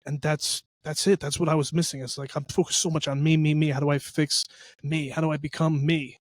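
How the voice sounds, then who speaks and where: A man's voice: fairly high pitch, level tone, brisk, no echo. A man with a New Jersey accent, hosting a casual faith podcast chat and talking earnestly in rambling runs full of fillers. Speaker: podcast host.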